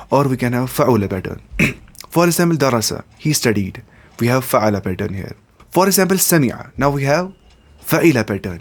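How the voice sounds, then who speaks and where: A man teaching an introductory grammar lesson, repeating terms and examples and glossing each one in English. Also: mid-range voice. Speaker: Arabic teacher.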